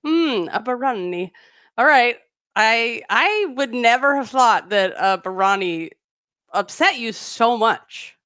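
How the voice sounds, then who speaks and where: A woman's voice: on the high side, animated, takes it slowly, fairly bright tone, dry recording, studio quality. A woman co-hosting a podcast in casual chat, emphatic and ranting with lots of energy. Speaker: podcast co-host.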